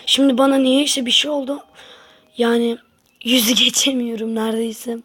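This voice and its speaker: A woman's voice: fairly high pitch, level tone, normal speed, fairly bright tone, slightly rough. A woman giving casual gameplay commentary to her viewers, grumbling and exasperated as she plays. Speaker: gaming channel host.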